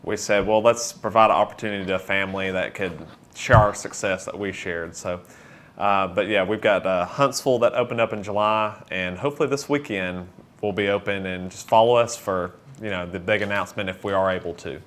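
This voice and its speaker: Relaxed low-voiced business owner, man. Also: fairly quick. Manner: relaxed, plain-spoken, informal grammar. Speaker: cookie dough shop owner. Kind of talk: casual interview.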